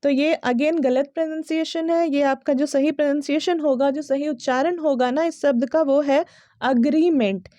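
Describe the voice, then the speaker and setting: A woman gives a casual pronunciation lesson, her voice high and mellow. She spells words out letter by letter, drawing them out slowly and often checking that her listeners are following. The sound is close and dry, with no room echo. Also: fairly even intonation. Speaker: English pronunciation teacher.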